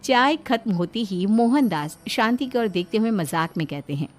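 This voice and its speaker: A woman narrating a family cartoon story in a steady, expressive storybook style. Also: medium pitch, normal speed.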